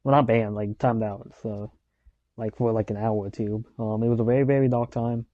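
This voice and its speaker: A man's voice: lowish voice, fairly even intonation, moderate pace, mellow, dry recording, muffled recording. A young man talking about his racing league, hesitant and full of ums and restarts. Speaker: league member. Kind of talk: casual chat.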